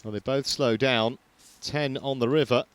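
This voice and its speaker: A male play-by-play commentator narrates each poker move in a dry, measured way. His voice sits at a middle pitch, with faint background noise. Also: steady tone.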